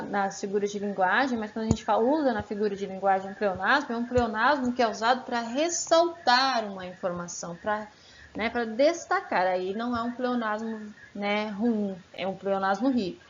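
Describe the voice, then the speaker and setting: A woman teaching a relaxed grammar lesson, dotting her speech with tag questions and rhetorical asks. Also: mid-range voice. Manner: conversational, frequent "né" and "tá" tags, asks rhetorical questions. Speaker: Portuguese teacher. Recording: slightly muffled, faint background hiss.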